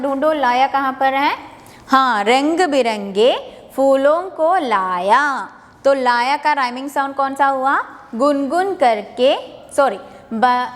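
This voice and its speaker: A woman's voice: high voice, a bit bright, long reverb tail. A woman teacher explaining a poem to young students, patient, asking questions and answering them herself, mixing in English words. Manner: mixes English words into Hindi. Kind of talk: classroom lesson explaining a poem.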